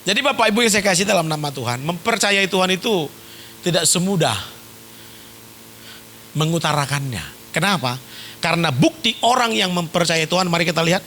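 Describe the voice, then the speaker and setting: A man's voice: high-pitched, fairly quick, long pauses, a little hiss or hum. A male pastor preaching a sermon, telling stories with mimicked sounds and often raising his voice for emphasis. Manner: animated storytelling with sound effects and shouted emphasis.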